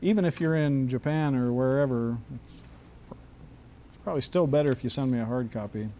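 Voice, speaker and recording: A man talks to his screenwriting class in a classroom, his voice mellow and dark. He is easygoing and jokey, circling back and restarting his sentences as he goes. A faint hiss sits under the recording. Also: medium pitch, brisk. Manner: loose, joking, many restarts. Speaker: screenwriting teacher. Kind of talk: casual classroom talk.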